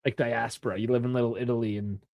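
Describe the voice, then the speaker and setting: Fast-talking and gravelly, with a mid-range voice and a level tone, this Canadian man in his thirties is recorded with no echo and the highs cut off. As co-host of a soccer watchalong, he rambles casually about soccer, laughing often and swearing.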